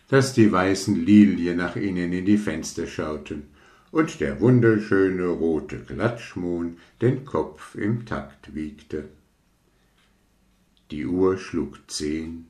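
A man reading a fairy tale aloud in a slow, measured storytelling manner. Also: low voice, darkish tone. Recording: roomy echo.

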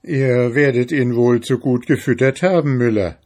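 A man's voice: medium pitch, animated, slow. A man playing a mocking hard-bargaining stranger. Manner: mocking, haggling, raised voice.

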